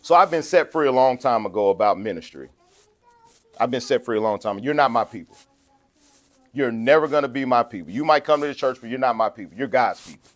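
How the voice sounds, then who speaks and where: A man preaching a sermon, conversational, shifting between quiet asides and loud, slow scripture reading. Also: medium pitch, lively intonation. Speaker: pastor.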